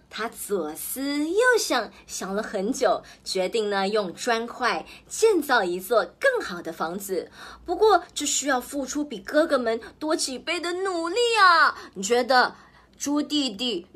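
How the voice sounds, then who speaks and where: A woman's voice: high-pitched, fairly bright tone. A woman hosting a children's story program, telling a fairy tale playfully and asking listeners questions. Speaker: storyteller host.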